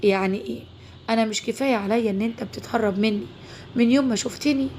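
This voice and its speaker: A woman's voice: on the high side, racing, a little mellow, a little hiss or hum, lightly acted. A woman doing a sly Egyptian stepmother. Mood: flirtatious. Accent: Egyptian Arabic.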